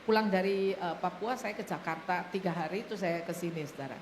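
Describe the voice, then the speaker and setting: A woman pastor preaching a sermon, telling stories in an animated way and often laughing as she addresses the congregation. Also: lowish voice, fairly quick. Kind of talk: sermon with storytelling. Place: church hall. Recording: echoey church hall, faint noise.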